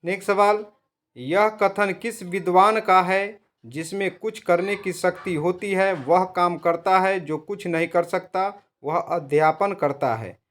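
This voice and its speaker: A man with a fairly high voice presents teacher-exam quiz questions. He reads each option in a steady, measured way and slows noticeably when he gives the right answer. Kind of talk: reading multiple-choice questions and answers.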